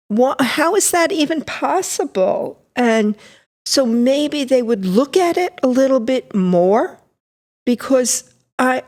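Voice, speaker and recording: A woman artist speaking thoughtfully in a panel chat, pausing and restarting as she thinks. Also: fairly high pitch. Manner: thoughtful, halting. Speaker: artist guest. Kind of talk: conversational panel talk.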